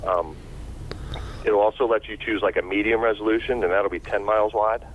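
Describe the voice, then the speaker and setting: A man's voice: fairly low pitch, fairly even intonation, fairly quick. A man heard over a phone line, explaining a topic patiently, step by step. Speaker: guest expert. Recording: dull phone line, faint noise.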